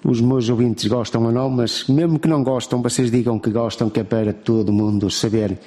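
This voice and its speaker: A man's voice: mid-range voice, fairly even intonation, brisk, warm tone. A man from Portugal with a European Portuguese accent, hosting a live radio show in a chatty, effusive way while reading out listener dedications from the studio. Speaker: radio host.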